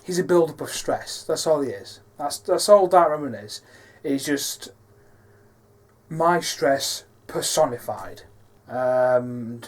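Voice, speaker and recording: A man's voice: mid-range voice, slow. A man talking casually about his films, rambling and hesitant, with many fillers. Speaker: filmmaker. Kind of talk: casual behind-the-scenes talk.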